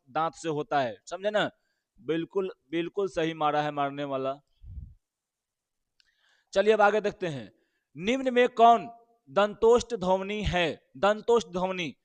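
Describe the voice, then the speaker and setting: A man's voice: high voice, smooth, no echo. A male teacher, walking through exam questions and quizzing his listeners with rhetorical questions.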